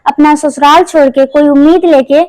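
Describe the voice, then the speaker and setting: A woman's voice: high-pitched, steady tone, normal speed, darkish tone, no room sound. A woman hosting a channel, sincerely addressing viewers at the end of her video. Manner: sincere, appealing. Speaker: channel host.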